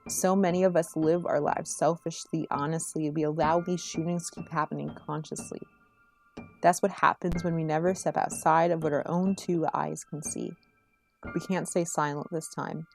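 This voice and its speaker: A woman performing spoken word slam poetry in an earnest, rhythmic, rhyming delivery with measured phrases. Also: low voice, steady tone, creaky, soft background music.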